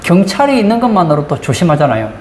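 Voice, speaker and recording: A woman's voice: on the low side, quick pace. Woman, pastor, sermon, rhetorical questions, faint background hiss, echoey sanctuary. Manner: animated preaching with frequent rhetorical questions. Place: church sanctuary. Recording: roomy church acoustics, faint background noise.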